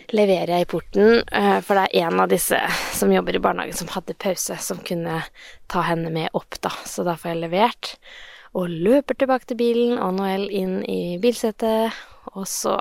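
A woman's voice: mid-range voice, gravelly, dry recording, studio quality. A woman in her thirties hosting her own podcast, telling a story in a chatty, self-mocking way, recorded outdoors. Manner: chatty, self-mocking, animated retelling with laughs. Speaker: podcast host. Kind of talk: casual storytelling monologue. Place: outdoors in the sun by a shed.

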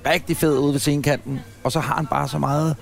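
A man's voice: a little high, gravelly. A man chatting casually on a podcast recorded in a café, telling a long, rambling anecdote. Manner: rambling, animated anecdote-teller. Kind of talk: casual storytelling chat.

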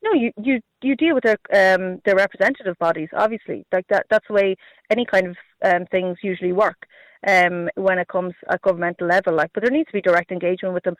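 This Galway politician has a high, slightly bright voice and talks fast, captured on a dry, rough recording. His west of Ireland accent carries hesitant, repetitive answers in a radio interview, full of "you know" and "like" as he represents his party.

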